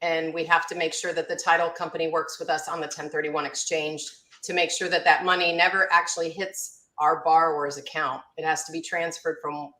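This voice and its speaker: A woman's voice: low-pitched, little pitch movement, a little fast, pushed and bright. A woman, a mortgage loan officer, explaining loan terms in a matter-of-fact way as an interview guest. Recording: roomy echo.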